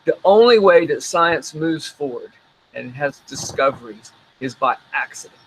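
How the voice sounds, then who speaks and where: A man teaching an online science class with live demonstrations, telling stories in an animated way and acting out little scenes. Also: fairly high pitch, slightly rough, poor audio. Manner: animated storytelling, acts out scenes in quick asides.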